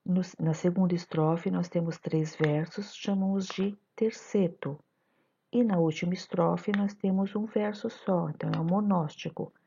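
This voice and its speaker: A woman with a Brazilian Portuguese accent teaching a poetry lesson, explaining slowly and reading verses aloud with a steady rhythm. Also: fairly low pitch, vocal fry, slight background noise. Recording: dull lo-fi recording.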